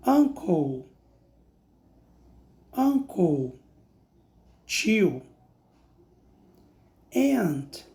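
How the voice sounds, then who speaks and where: A woman with a Brazilian Portuguese accent teaching English vocabulary, saying each word slowly and repeating it before translating. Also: on the low side, mellow. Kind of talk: slow explanatory lesson.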